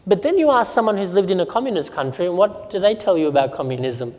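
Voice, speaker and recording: This Romanian pastor's sermon presentation mixes storytelling with questions to the audience, recorded with long hall reverb. He speaks quickly in a high, expressive, slightly mellow voice.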